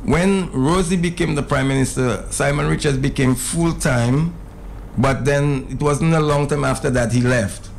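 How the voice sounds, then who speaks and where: Man, middle-aged, gravelly, earnest, radio studio guest, faint background hiss. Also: a little high, a little slow, poor audio. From Dominica. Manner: earnest, repeats words when restarting, rising emphasis. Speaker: radio talk show guest, former UN ambassador. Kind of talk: casual radio interview.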